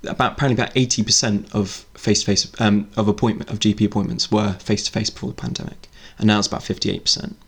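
A man's voice: fairly low pitch, steady tone, fast, gravelly, few pauses, husky. A British man co-hosting a casual podcast chat, talking with lots of ums and restarts. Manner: hesitant, full of fillers and restarts. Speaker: podcast co-host.

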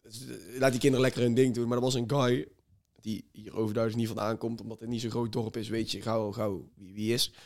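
Joking podcast co-host. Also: male voice, on the low side, flat delivery, fast talker, hardly any pauses, darkish tone. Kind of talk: casual podcast chat.

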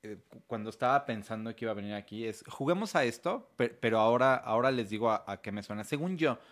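A man hosts a casual conversation. His tone is playful and he laughs easily. His pitch swings widely as he talks. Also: lively intonation, quick pace. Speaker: host. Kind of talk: casual chat.

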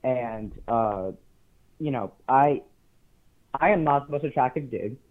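A young man speaks over a tinny phone line, his mid-low voice halting with ums and uhs. He sounds nervous and unsure as he tells a story. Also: lively intonation. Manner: hesitant, many ums, nervous laughs. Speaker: caller. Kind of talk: telling a story on a call.

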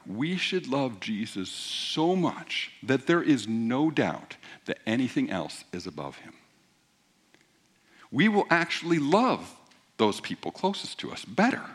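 A man preaching a sermon in a church as pastor, explaining in a conversational teaching manner that builds to emphatic points. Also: medium pitch.

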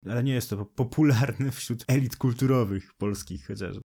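A man's voice: mid-range voice, normal speed, creaky, mellow, slightly rough. Young man joking on a podcast. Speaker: podcast co-host. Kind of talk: casual podcast chat.

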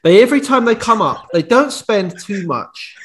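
Casting: male co-host, a little high-pitched, teasing and opinionated. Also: very animated, normal speed, fairly bright tone. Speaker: podcast co-host. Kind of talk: casual football chat.

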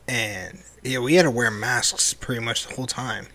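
A young man co-hosting a family podcast in casual chat, relaxed and halting, with lots of fillers and restarts. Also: medium pitch. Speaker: podcast co-host.

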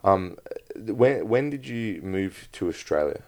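A man's voice: lowish voice, lively intonation, slow, darkish tone. A man hosting a podcast interview, encouraging his guest with frequent short affirmations. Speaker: podcast host. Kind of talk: conversational interview.

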